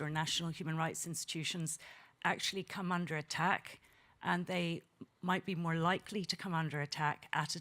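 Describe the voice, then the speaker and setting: Lower-voiced woman speaking. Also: a bit bright. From Belfast, Northern Ireland. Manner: measured, with frequent 'um' and 'uh' fillers. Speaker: head of a human rights network, speaking from the floor. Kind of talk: prepared conference remarks.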